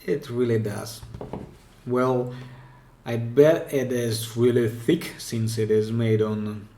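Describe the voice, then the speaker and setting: A man's voice: medium pitch, fairly even intonation, slow pace, mellow. A man with a Russian accent, hosting a pen spinning channel and chatting casually about viewer clips, hesitant and often restarting mid-phrase. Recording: echoey room.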